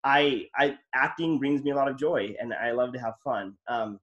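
A man's voice: medium pitch, fairly even intonation, normal speed, fairly bright tone, dull audio. A man hosting a casual interview, telling stories in an enthusiastic, rambling way. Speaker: podcast host.

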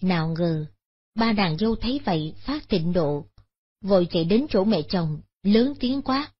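A woman tells a Buddhist moral story in a measured, solemn way. Her voice is husky, and the recording sounds dull and lo-fi. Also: medium pitch, lively intonation. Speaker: narrator.

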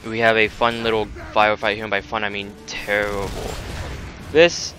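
Low-voiced man who says w for r. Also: completely flat delivery, fairly quick. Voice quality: soft R sounds, saying w for r. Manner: sweary, self-deprecating. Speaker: gaming video host. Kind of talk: casual let's-play commentary. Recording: game music, gunfire behind voice. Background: game music, gunfire and vehicle sounds.

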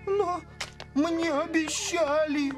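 A man's voice: extremely high pitch, fairly even intonation, extremely slow, exaggerated voice. A man voicing a spoiled, demanding cartoon boy with a petulant, insistent delivery. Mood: whiny indignant. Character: whiny, demanding spoiled boy who threatens to complain. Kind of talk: cartoon dub acting. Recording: music behind the voice.

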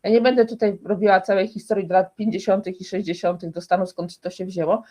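A woman's voice: medium pitch, fairly even intonation, quick pace, mellow. Emphatic woman explaining with many restarts. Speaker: guest expert on dyslexia. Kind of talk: conversational interview.

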